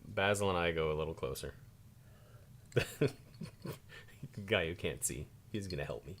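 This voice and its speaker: A man's voice: deep voice, measured pace, a bit bright, slight background noise. A man chatting casually as a player in a tabletop role-playing game.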